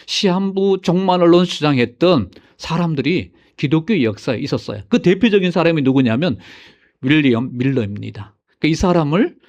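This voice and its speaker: A man preaching a sermon as senior pastor, swinging between loud exclamations and hushed asides and putting questions to his congregation. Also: a little high, animated, moderate pace, dull audio.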